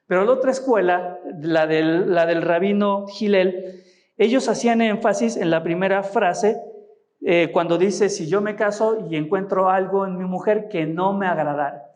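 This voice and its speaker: Man, Mexican Spanish accent, pastor, sermon, high voice, teaching tone. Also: moderate pace, darkish tone. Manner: teaching, asks listeners rhetorical questions.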